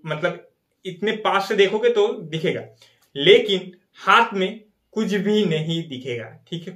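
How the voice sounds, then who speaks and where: A man's voice: sits high, a bit bright. A man, presenting and explaining magic tricks step by step like a showy magician. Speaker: magician, video tutorial host. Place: small indoor studio with dark backdrop. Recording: roomy indoor echo.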